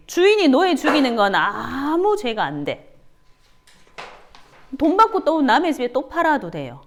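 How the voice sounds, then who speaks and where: A woman's voice: high voice, a little hiss or hum. A woman giving a children's Sunday school sermon, asking the kids questions and gasping for effect. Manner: animated, asks children questions, gasps for effect.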